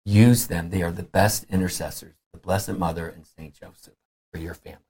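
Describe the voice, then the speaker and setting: A man's voice: low voice, steady tone, a little fast, a little mellow, breathy edge. A man, giving an earnest, conversational conference talk on faith and family.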